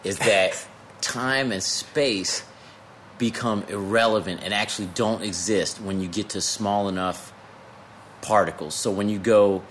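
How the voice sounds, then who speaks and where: A man in his thirties with a lowish, steady, slightly bright voice hosts a casual podcast interview. He's informal and profane, and he keeps restarting his phrases mid-explanation. The recording carries noticeable background noise.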